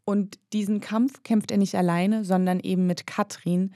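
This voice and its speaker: A woman's voice: mid-range voice, fairly even intonation, moderate pace, warm tone, no room sound, studio quality. A woman reporter and filmmaker talking fluently and explaining at length on a podcast. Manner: fluent, explanatory, with occasional "äh" fillers. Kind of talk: podcast conversation and narration.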